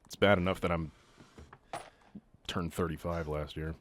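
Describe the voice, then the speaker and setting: A man in his mid-thirties with a very low, deep voice chats loosely over a game, trailing off and restarting his sentences. He swears casually, and a faint hiss of noise sits behind him. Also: steady tone, a little slow. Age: 30s. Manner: rambling, self-interrupting, swears casually. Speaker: let's play host. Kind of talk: casual gameplay chat.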